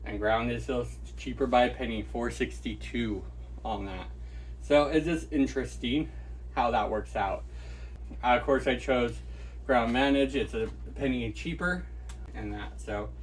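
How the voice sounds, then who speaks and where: A man's voice: mid-range voice, slight background noise. Chatty man packing orders at home. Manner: chatty, thinks aloud while working, thanks each buyer. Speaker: online reseller. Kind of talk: casual packing-and-shipping vlog.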